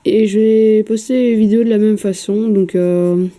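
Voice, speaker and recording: A woman with a very dark, mellow voice talks through painting a miniature in a casual vlog. She is hesitant and chatty, with lots of fillers and casual swearing. The sound comes from a camera mic at a home painting desk. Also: medium pitch, steady tone, moderate pace.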